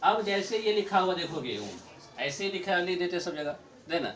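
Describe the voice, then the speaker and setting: A middle-aged man teaching a grammar lesson to a class, explaining slowly, repeating his points and chuckling often. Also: high-pitched, expressive, a bit bright.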